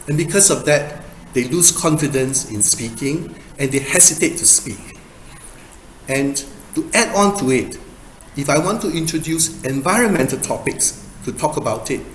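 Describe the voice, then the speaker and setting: A man in his fifties from Singapore, giving an academic presentation in a measured, emphatic way with rhetorical questions. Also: on the high side. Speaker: guest speaker, doctoral researcher. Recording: echoey room with faint noise.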